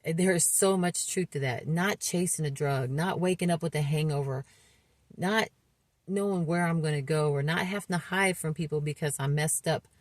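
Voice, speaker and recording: A woman in her fifties speaking candidly about her own recovery, earnest and halting, with frequent restarts and fillers. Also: low voice, no room sound. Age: 50s. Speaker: recovery vlogger. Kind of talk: candid personal testimony.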